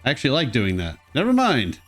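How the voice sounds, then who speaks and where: A man's voice: mid-range voice, huge pitch swings, fast talker. Male let's play host, mid-range voice, casual wry game commentary, faint music underneath. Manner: wry, joking asides.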